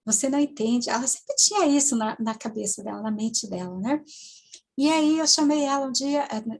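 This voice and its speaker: A woman, a hypnotherapist telling a client's story in a halting way, full of tag questions and restarts. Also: on the high side. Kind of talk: storytelling lecture to students.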